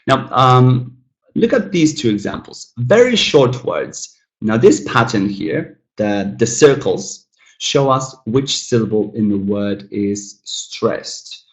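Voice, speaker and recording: A man with as his teaches English pronunciation, his voice sitting at an ordinary pitch. He breaks words apart, stretching the stressed syllable and mumbling the others. The recording has a noticeably echoey room sound. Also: expressive, takes it slowly. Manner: demonstrates sounds by exaggerating stressed syllables and mumbling unstressed ones; explanatory, addresses viewers as guys. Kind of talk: recorded language lesson.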